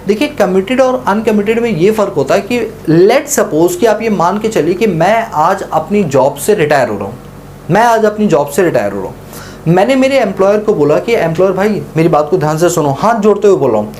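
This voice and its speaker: A man's voice: sits high, expressive, a little fast, a little mellow, a little hiss or hum. A male teacher giving a lecture, asking questions aloud and answering them himself while explaining through a first-person story.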